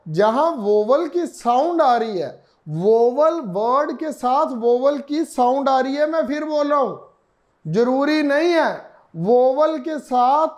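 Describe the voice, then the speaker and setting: A male teacher, explaining a reasoning lesson slowly, repeating himself and asking and answering his own questions. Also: very high-pitched, a little mellow.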